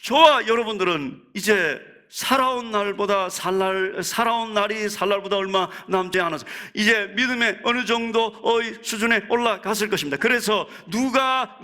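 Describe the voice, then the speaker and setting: Male pastor, middle-aged, church sermon, dramatic delivery, high voice, bright tone. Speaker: senior pastor. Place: church sanctuary.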